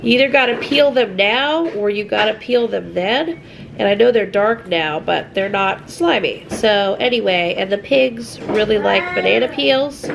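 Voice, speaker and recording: Woman, homestead vlogger, casual chat, gravelly, faint noise behind. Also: medium pitch, animated, unhurried. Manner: chatty and homey, talks sweetly to farm animals. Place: farm kitchen and barnyard.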